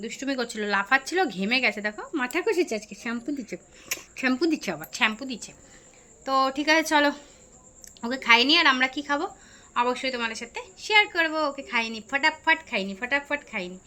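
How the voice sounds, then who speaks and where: A woman's voice: high-pitched, animated, quick pace, bright, forceful tone. A young woman, chatting casually to viewers in a home vlog, often cooing at her child. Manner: chatty, talks baby-talk to her child. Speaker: vlogger. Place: home indoors.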